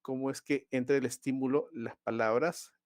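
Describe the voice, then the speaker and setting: In a relaxed, conversational manner, a man with a mid-range voice teaches a live online class. He often pauses with fillers and checks whether his students are keeping up. The audio is dry, without room echo.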